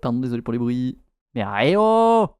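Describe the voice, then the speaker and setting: A man's voice: medium pitch, very animated, normal speed, clear, resonant tone, no room sound. A man streaming a game in goofy live chatter, breaking into nonsense sing-song syllables, yelps and shrieks. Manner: loud shrieks and squeals. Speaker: gaming streamer.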